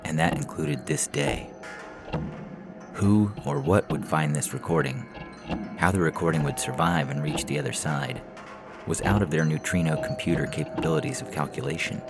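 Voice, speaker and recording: With a bass voice at a moderate pace, a man narrates a scripted science fiction tale like an audio fiction podcast host. Instrumental music plays underneath.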